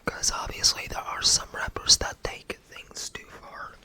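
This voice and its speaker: Slow, hesitant unvoiced ASMR whisper. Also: bright, forceful tone. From United States. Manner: hesitant, searching for words, self-effacing. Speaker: ASMR content creator. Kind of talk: whispered ASMR casual ramble.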